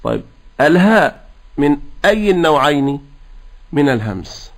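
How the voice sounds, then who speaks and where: Arabic Quran teacher, man, higher voice. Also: sing-song. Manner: explains slowly and patiently, then chants verses in drawn-out melodic recitation. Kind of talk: tajweed lesson with recitation.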